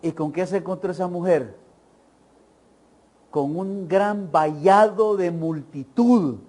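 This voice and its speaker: A man preaches a church sermon in a notably high voice. He presses his points emphatically, fires rhetorical questions at the congregation and keeps urging them to listen well. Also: slow pace, darkish tone. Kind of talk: evangelical sermon. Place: church service.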